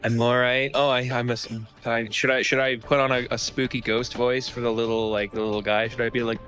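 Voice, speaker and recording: A laid-back man talking as a guest on a game stream. He rambles along with plenty of filler words, at a mid-range pitch, with faint music underneath. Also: level tone, brisk, fairly bright tone. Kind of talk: casual chat.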